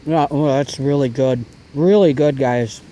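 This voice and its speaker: A bushcraft vlogger with a mid-range voice and warm tone talks at a measured pace, though the audio quality is poor. He's chatty and easygoing, cooking and eating by a fire in an outdoor cooking vlog.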